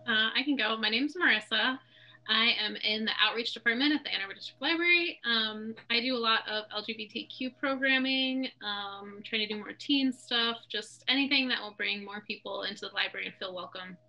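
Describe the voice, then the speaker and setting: A woman from a library outreach team introducing herself softly on a video call. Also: a little high, fairly quick, highs cut off.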